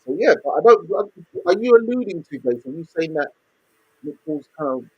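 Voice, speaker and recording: A man's voice: on the high side, sing-song, a little fast, dark tone, husky, no room sound. A man co-hosting a casual boxing talk over a video call, rambling in loose phrases, his voice muffled as if through a wall. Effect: muffled, as if heard through a wall. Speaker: co-host of a boxing talk show. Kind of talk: casual debate. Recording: muffled, distant call audio.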